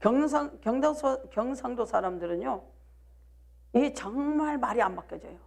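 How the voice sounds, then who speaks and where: A woman with a somewhat high, expressive voice, a touch of vocal fry and a slightly mellow quality speaks at a moderate pace. She is a pastor from South Jeolla, Korea, with a Jeolla accent, delivering a live midweek sermon and pressing her congregation with rhetorical questions and cries of "do you believe?"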